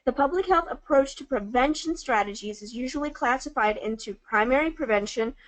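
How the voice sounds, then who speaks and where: A woman's voice: high voice, fairly quick, dry recording, poor audio. A woman co-hosting a webinar, presenting a topic over a call with many ums and uhs. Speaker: webinar co-facilitator.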